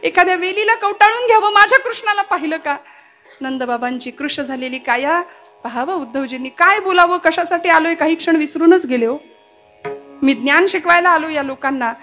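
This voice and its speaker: A woman giving a devotional kirtan sermon. She tells the story dramatically, chants Sanskrit verses slowly and puts questions to the audience. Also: extremely high pitch, expressive, fairly bright tone. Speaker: kirtan performer.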